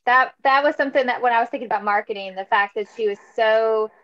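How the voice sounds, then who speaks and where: A woman's voice: a little high, fast, fairly bright tone, dull audio. A woman teacher in a book club discussion, thoughtfully building long points.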